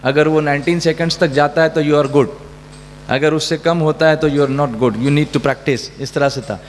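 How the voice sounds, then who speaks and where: High-voiced man teaching in an echoey hall. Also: steady tone. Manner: asks the audience questions and drills answers back. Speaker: Quran teacher. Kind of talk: religious lesson to children, mixing in English. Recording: echoey hall with faint hum.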